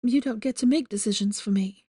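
A woman voicing a stubborn, worried young witch who speaks quietly. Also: a little high, fairly quick, breathy edge, dry recording, studio quality, pitched above the performer's own voice. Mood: stubborn worry. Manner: quiet, soft-spoken.

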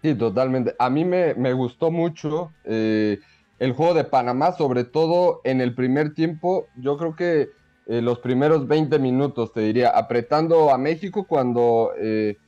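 Male football analyst, mid-pitched and relaxed, hesitant delivery, slightly dull audio. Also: measured pace, faint music behind. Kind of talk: conversational sports analysis.

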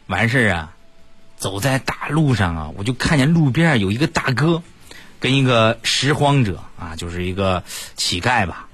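A man's voice: medium pitch, lively intonation, normal speed, fairly bright tone, husky. A man doing stand-up comedy, telling stories in a chatty, self-mocking way and talking straight to the audience.

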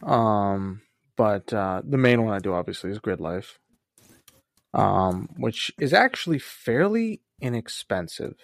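A man's voice: lowish voice, sing-song, a little slow, creaky, no echo, clean studio sound. A man co-hosting a casual podcast, bantering in a wry, teasing way. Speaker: podcast co-host.

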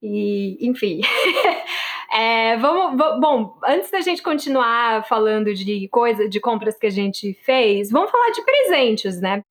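A woman podcast host, chatting casually and telling stories with quick, animated asides. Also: fairly high pitch.

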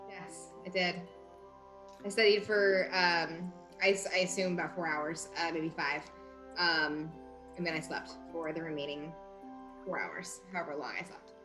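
A woman's voice: lowish voice, fairly even intonation, measured pace, over music, low-quality recording. A woman playing in a tabletop game, talking casually with many fillers. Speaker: player. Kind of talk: casual in-character chat.

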